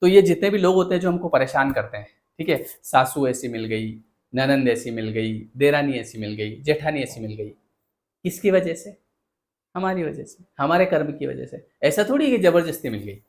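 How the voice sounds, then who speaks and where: A man's voice: medium pitch, expressive, normal speed. A man giving a motivational talk as a speaker and counsellor. He speaks earnestly, asks rhetorical questions and addresses his listeners directly.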